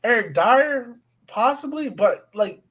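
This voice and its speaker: Co-hosting a sports podcast, a man chats casually about soccer, agreeing and building on points. His voice is extremely high and a bit bright with a breathy edge, expressive but slow.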